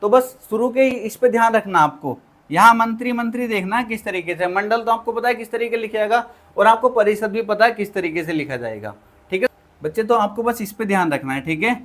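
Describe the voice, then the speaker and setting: Male exam-prep tutor, higher voice, teaches spelling as a drill, repeats words and answers his own questions. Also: lively intonation, brisk, a bit bright. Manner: repeats each word, addresses students as children; drills by asking and answering himself. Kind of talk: online spelling lesson.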